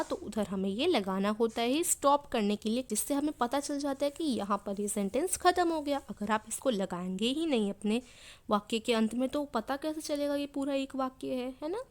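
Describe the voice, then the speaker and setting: A woman teaching young children a grammar lesson, her voice sitting a bit higher than most. She goes over each point again and again in simpler words. The sound is close and dry, with no room around it. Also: no echo. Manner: repeats and rephrases each point slowly for young pupils.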